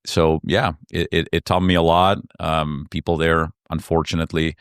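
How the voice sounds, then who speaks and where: A man's voice: a bass voice, level tone, moderate pace, clear, resonant tone, dry recording, studio quality. A man from Argentina whose first language is Spanish, telling his story in an earnest, reflective interview. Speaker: entrepreneur guest. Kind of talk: conversational interview.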